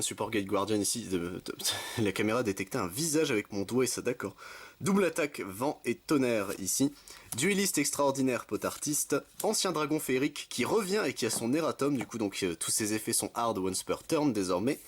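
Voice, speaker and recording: A young man casually commenting while opening trading card packs, listing card names and adding quick asides. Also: on the low side. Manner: chatty, reads card names in quick lists, self-correcting asides. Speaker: card-opening video host. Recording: faint background noise with card crinkling.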